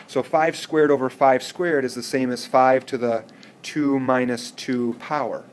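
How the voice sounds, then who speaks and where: A man teaches a math lesson in an ordinary, mid-pitched voice. He walks through each step patiently and keeps asking whether the class follows. Faint room noise sits behind him. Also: fairly even intonation, unhurried. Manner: patient, checks in with students often. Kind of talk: classroom lecture.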